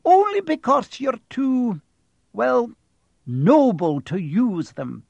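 A man voicing a stern older witch professor in an audiobook, anxious and emphatic, halting with emotion. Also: extremely high pitch, very animated, gravelly, a little mellow, dry recording, highs cut off, voice pushed up, full character voice. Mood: exasperated admiration.

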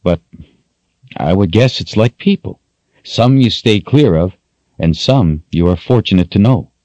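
A man voicing a young woman who speaks calmly and formally, lifting his pitch a little. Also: unhurried, dry recording, muffled recording. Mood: solemn. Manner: calm, formal. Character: steady, solemn young woman traveler.

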